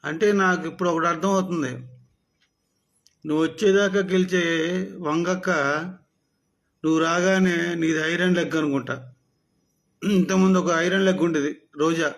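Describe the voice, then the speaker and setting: A man's voice: a little high, fairly even intonation, moderate pace, long pauses. A man delivering a mocking, scolding political rant aimed at a rival. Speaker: political commentator.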